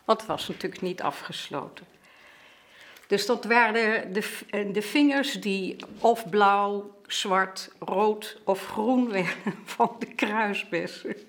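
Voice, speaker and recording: An older woman slowly and lively telling a childhood memory, with many small hesitations. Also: mid-range voice. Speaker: storyteller.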